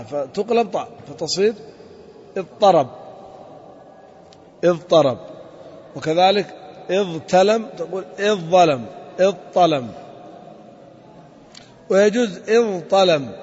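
Man, high voice, grammar teacher, classroom lesson, quizzing students, echoey hall, dull lo-fi sound. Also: darkish tone, a little hiss or hum. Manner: explains step by step, quizzing students with short questions.

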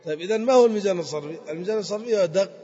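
Husky man teaching in an echoey hall. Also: sits high, very fast, dark tone. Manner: explains step by step, repeats key words. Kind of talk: spoken grammar lesson. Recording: dull lo-fi recording with long hall reverb.

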